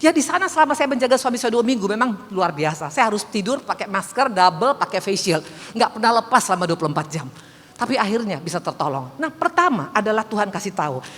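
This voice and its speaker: A woman in her fifties preaching an animated sermon with testimony, often asking the congregation to agree, swinging from quiet storytelling to loud exclamations. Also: fairly high pitch. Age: 50s. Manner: asks the congregation "betul?" often. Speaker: evangelist preacher. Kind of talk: Pentecostal-style sermon with testimony. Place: church hall. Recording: reverberant church hall.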